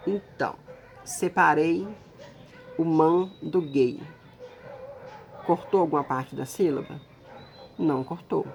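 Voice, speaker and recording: A woman's voice: deep voice, slow, vocal fry, long pauses, darkish tone, slight background noise. A woman teacher giving a recorded lesson, explaining patiently step by step and checking in with her students.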